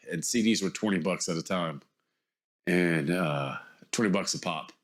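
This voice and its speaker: Sitting low in pitch, a mildly congested man in his forties delivers an offhand vlog monologue. He wanders, stalls, fixes his own wording and keeps circling the point.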